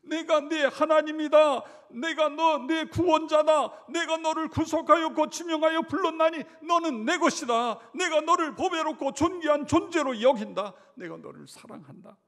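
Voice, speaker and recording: A man preaching voices God making a slow, solemn and loud declaration of love to his people. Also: very high-pitched, pitched above the performer's own voice. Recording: long church-hall reverb.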